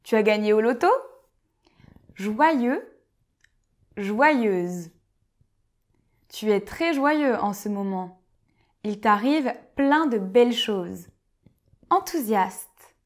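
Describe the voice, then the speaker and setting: A woman teaching French vocabulary slowly and clearly, reading each word and then a short example sentence. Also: on the high side, lively intonation.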